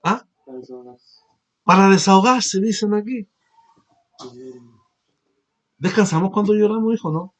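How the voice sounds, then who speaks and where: Male pastor with a high voice, preaching with rhetorical questions and shifting force. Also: moderate pace. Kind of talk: sermon.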